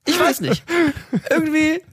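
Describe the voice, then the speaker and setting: A man co-hosting a podcast, telling rambling, animated stories in casual chat and laughing often. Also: very high voice, unhurried, no room sound, studio quality. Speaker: podcast co-host.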